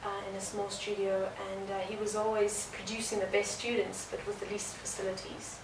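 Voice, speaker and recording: A young woman talks earnestly and reflectively, often pausing on fillers as she answers. She is picked up from a distance in an echoey indoor room. Steady background noise runs underneath. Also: mid-range voice. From South Africa. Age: early 20s. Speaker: guest dancer. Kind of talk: conversational interview. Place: indoor art venue. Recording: roomy, distant mic, noisy background.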